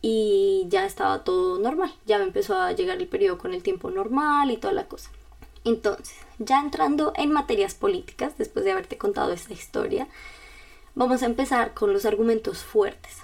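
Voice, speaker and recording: A woman's voice: fairly high pitch, lively intonation, normal speed, creaky, recorded from a distance. A young woman with a Colombian accent telling a personal story in a casual, confiding way, talking straight to the listener. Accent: Colombian Spanish. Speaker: vlogger.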